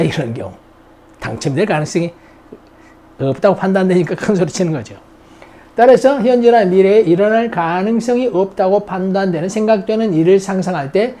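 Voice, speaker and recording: A middle-aged man whose first language is Korean, teaching English grammar in a recorded lecture and drilling vocabulary by slowly repeating words for students to echo. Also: sits high, warm tone.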